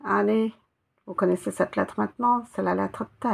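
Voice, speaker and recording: A woman's voice: medium pitch, steady tone, moderate pace, gravelly. A woman teaching Arabic letters one by one, patiently spelling out each sound and repeating it. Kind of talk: step-by-step reading lesson.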